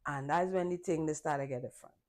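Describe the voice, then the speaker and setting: A woman's voice: low-pitched, quick pace. A middle-aged woman with a Trinidadian accent, a calypsonian guest talking casually and often repeating herself for emphasis. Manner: relaxed, repeats phrases for emphasis. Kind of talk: casual conversation.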